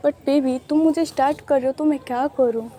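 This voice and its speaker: A doting, possessive young businessman who dotes on his partner, as a woman puts him on in a storybook romance. He pleads and coaxes in quick bursts and mixes in English phrases. The voice stays high and mellow. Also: fairly even intonation, slight background noise, close to an everyday voice.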